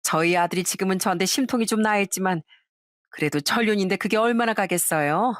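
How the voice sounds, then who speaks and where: A woman's voice: mid-range voice, fast, no echo, clean studio sound, close to an everyday voice. A woman voicing a shameless, pushy middle-aged ex-wife. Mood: brazen. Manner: pushy, self-assured.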